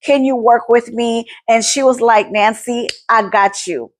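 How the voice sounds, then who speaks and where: A woman's voice: a little high, fairly even intonation, measured pace. Emotional woman sharing her faith story. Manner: emotional, faith-filled, repeats words for emphasis. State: teary, near crying. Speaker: podcast host. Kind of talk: personal testimony, casual talk.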